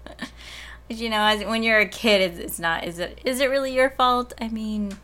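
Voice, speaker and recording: A woman's voice: a little high, moderate pace, bright, forceful tone. A woman who works as a librarian, chatting casually and laughing often. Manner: giggly, rambling. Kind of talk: casual chat.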